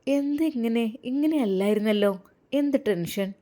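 A woman's voice: a little high, normal speed, natural voice. A woman voicing a sly, pushy woman who coaxes and gossips on the phone. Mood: sly coaxing. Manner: coaxing, gossiping, loud.

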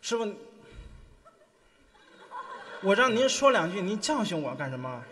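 A man's voice: high-pitched, sing-song, unhurried, fairly bright tone. A young man performing stage crosstalk as the apprentice, cutting in with sulky, cheeky remarks. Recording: long hall reverb.

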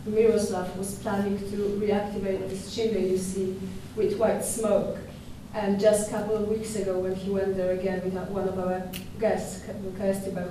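A young woman curator giving a conference talk at a podium microphone in a dark lecture hall, measured and thoughtful with small hesitations and restarts. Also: medium pitch, slight background noise. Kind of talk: conference presentation. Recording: echoey hall from far off.

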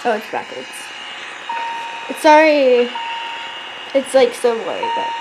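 A woman's voice: on the high side, sing-song, slow, noisy background. A young woman, chatting casually and self-consciously, giggling and breaking into bits of song. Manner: giggly, self-conscious, sings snippets mockingly. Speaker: vlogger reacting to her old singing cover. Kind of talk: casual reaction vlog.

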